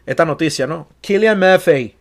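A young man with a Venezuelan Spanish accent, co-hosting a casual podcast chat, animated and jokey, acting out quotes as he tells stories. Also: fairly high pitch, normal speed. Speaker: podcast co-host.

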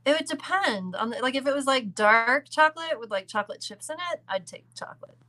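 A woman's voice: high voice, expressive, brisk, bright, forceful tone, rough recording. A woman from the American South, a podcast guest answering questions in a playful, emphatic, opinionated way. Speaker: podcast guest, business owner. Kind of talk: casual interview chat.

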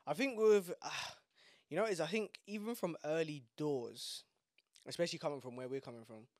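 A man's voice: fairly high pitch, fairly quick, darkish tone, no room sound, clean studio sound. A young man with a London urban street accent, chatting casually and emphatically in slang on a podcast. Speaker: podcast host.

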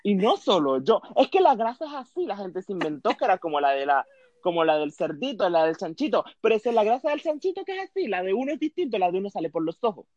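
A man's voice: sits high, sing-song, fast, darkish tone, no echo, dull audio. A man co-hosting a podcast, giving comic mock advice in a theatrical, mocking way and acting out other people's voices. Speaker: podcast co-host.

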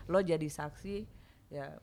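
Low-voiced woman, casual podcast chat, slangy, lots of fillers. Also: a little slow, a little mellow. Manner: candid storytelling, slangy, frequent fillers. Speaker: performer.

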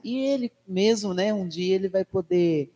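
A man's voice: high-pitched, moderate pace, crowd noise. A man, a pastor, talks with a church member in a reflective, conversational preaching style and often ends with tag questions. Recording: long reverb of a large hall.

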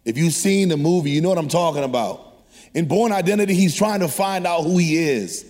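A man delivers a sermon in a high voice that rings through a large hall with long reverb. He is exhortative yet conversational, addressing his listeners directly and prompting them with questions. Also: brisk, a little mellow. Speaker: preacher. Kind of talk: energetic sermon to a congregation. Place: large hall, preaching to a live congregation.

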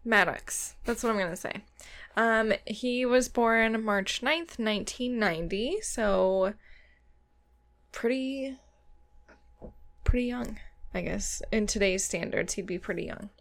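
A woman's voice: on the high side, slow, gravelly, pauses often. A woman co-hosting a podcast, telling a true crime story in a loose, chatty way with lots of "like" and casual swearing. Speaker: podcast co-host.

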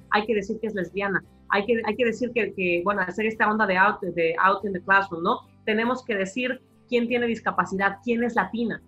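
A Mexican woman with a Mexican accent, an academic guest explaining her views in a lively conversational interview. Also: on the high side, husky, highs cut off. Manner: animated explainer, acting out quoted voices.

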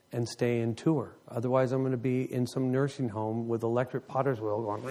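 This is a fifty-something ministry leader offering a heartfelt testimony before his church. He narrates with lots of animation, and moments of excitement send his voice climbing sharply.

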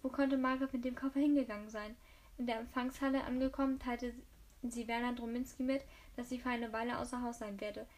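A woman's voice: a little high, level tone, a little fast, a little mellow. Woman reading a novel with many restarts. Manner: frequent slips and restarts. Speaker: audiobook reader. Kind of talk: novel read aloud.

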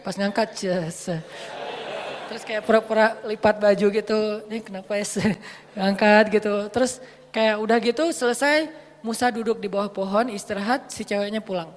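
A woman's voice: mid-range voice, fairly even intonation, normal speed, big-room sound, a little hiss or hum. A woman preacher, telling a story playfully and acting out the dialogue with jokes. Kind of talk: storytelling sermon.

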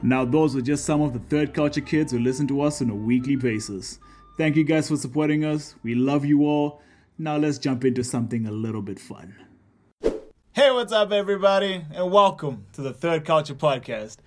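A man's voice: on the high side, expressive, moderate pace, faint music behind. A man co-hosting a podcast, talking in a casual, upbeat and teasing way. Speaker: podcast co-host. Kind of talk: casual chat.

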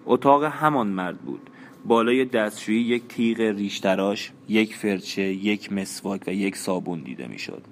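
A man narrating an audiobook in a measured, even reading. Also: lowish voice, slight background noise.

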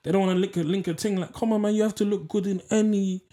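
Young man, London roadman accent, high voice, casual advice, emphatic repetition, street slang. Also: steady tone, fast talker, warm tone. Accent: London, urban roadman slang accent.

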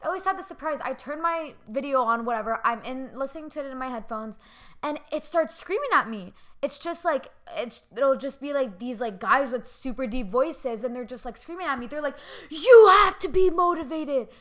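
Woman rambling on her own podcast at home, like like like, bright sharp voice, kinda high. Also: animated, fairly quick. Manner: rambling, filler-heavy, lots of "like". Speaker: podcast host. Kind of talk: casual solo podcast chat. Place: home with family nearby.

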